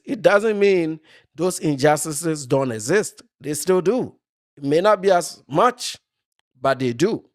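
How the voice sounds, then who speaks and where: A man's voice: a little high, dry recording, studio quality. A man giving opinionated commentary off the cuff, arguing emphatically and often checking in with a short tag question. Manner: emphatic, argumentative, checks in with "okay?" and "right?".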